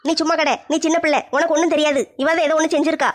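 A shrill, rapid-fire mother-in-law, played by a woman, in a comedy family skit. She scolds and accuses in a high, headlong rush. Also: little pitch movement, lightly acted. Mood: scolding.

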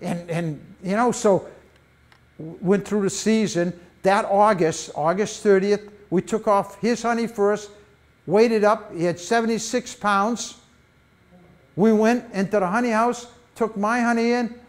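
An older man giving a public talk on beekeeping in a library meeting room, an animated storyteller with folksy asides, speaking on a lapel mic. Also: sits high, measured pace. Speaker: beekeeping presenter.

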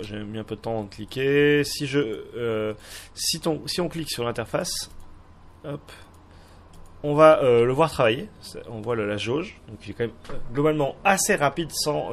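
A man's voice: mid-range voice, moderate pace, gravelly, a little hiss or hum. A man with a French accent hosting a casual game tutorial, talking hesitantly with many fillers and restarts. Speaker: Minecraft mod tutorial host. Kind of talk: casual screen-recorded tutorial.

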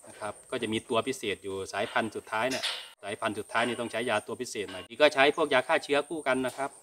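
A middle-aged Thai man talks very fast in a medium-pitched voice while hosting his cattle farming channel from an open-sided barn. He answers viewers' questions informally with frequent polite particles, and background noise is audible.

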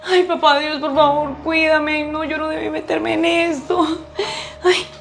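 A woman's voice: sits high, level tone, unhurried, vocal fry, fairly bright tone. A woman acting in a scripted short drama, frightened and fretful.

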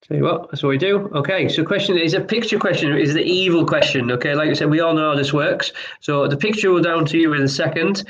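A man hosting an online pub quiz, reading each question twice and chatting between rounds in a relaxed, apologetic way. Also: fairly high pitch, fast, hardly any pauses, highs cut off. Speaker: quiz host.

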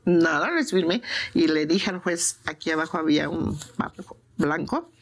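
Older Mexican woman, low gravelly voice. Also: lively intonation, normal speed. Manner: plain-spoken, insistent, repeats herself for emphasis. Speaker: interviewee. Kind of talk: emotional interview testimony. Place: prison.

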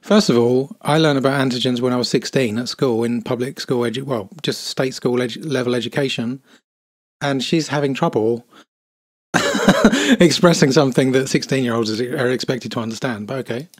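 A man's voice: mid-range voice, fairly even intonation, brisk, no echo. Indignant man commenting on clips. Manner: incredulous, scornful, many fillers. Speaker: video commentator.

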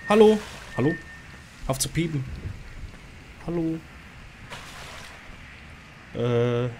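A man hosting a let's play of a horror game. He talks in a jumpy, panicky way, keeps calling out into the dark and yelps at every scare. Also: mid-range voice, a little hiss or hum.

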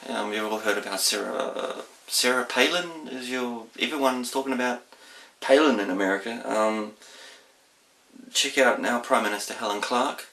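A man's voice: mid-range voice, normal speed, pushed and bright. A man in his thirties with a broad New Zealand accent, chatting casually to the camera in a goofy, playful, rambling way and repeating his phrases. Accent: broad New Zealand (Kiwi). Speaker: vlogger, guest presenter. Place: small plain room indoors. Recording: roomy indoor echo.

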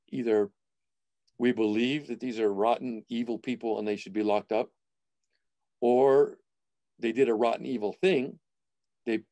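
A reflective man in his forties talks through a webcam from a small room at home. His voice is low and mellow, and it sounds dry and close. He restarts his thoughts as he works out what he means. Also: no room sound. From United States. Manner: reflective, restarts phrases while thinking aloud. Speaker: film director. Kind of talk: video call interview. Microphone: video call webcam.

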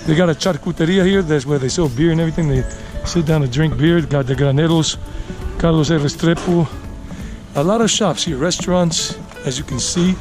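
A forty-nine-year-old travel vlogger and walking tour host chats casually and thinks aloud to viewers while strolling a leafy residential city street. His voice is on the high side and a little fast, with music in the background.

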